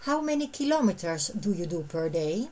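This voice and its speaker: A woman narrating a scripted language lesson, reading short phrases and translations in a measured, clearly separated way. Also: on the low side, very animated, dark tone.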